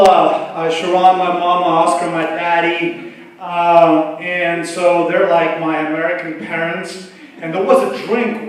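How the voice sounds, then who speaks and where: A Russian-accented man in his thirties, with a high voice, gives a loose, joking speech with many fillers as an awards presenter. He speaks slowly from a distance in a big, echoing theater. A faint hum of the room sits behind him. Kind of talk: live stage speech. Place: large theater stage. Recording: echoey theater, distant mic.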